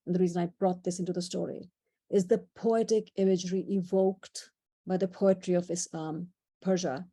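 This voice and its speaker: Warm-toned and on the low side, this presenter is a middle-aged woman from India with an Indian accent. She gives a chatty illustrated talk on the role of horses in history and culture, dropping in asides and small laughs.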